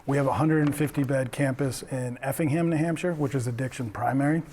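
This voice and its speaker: A man's voice: medium pitch, fast, mellow, a little hiss or hum. Boston-accented man on a panel. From Lynn, Massachusetts. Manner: earnest, conversational, speaks from personal recovery experience. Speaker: addiction treatment center representative. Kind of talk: panel discussion.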